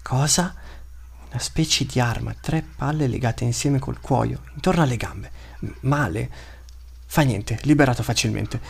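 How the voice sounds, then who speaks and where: A man's voice: mid-range voice, normal speed, gravelly, breathy edge, voice pushed up. A man voicing the inner thoughts of a huge, hungry male beast that talks in short, broken phrases. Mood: confused. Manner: terse broken inner monologue.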